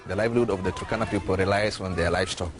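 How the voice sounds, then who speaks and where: A man with a Kenyan accent explains matters in a field interview. His voice is on the low side, with the steady role of a local health worker. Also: racing.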